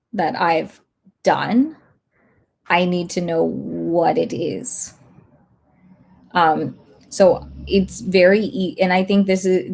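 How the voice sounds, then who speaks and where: A woman instructor casually chatting on a livestream, a bit hoarse as she loses her voice, thinking aloud with lots of fillers. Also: fairly low pitch, darkish tone. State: slightly hoarse, losing her voice. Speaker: online instructor.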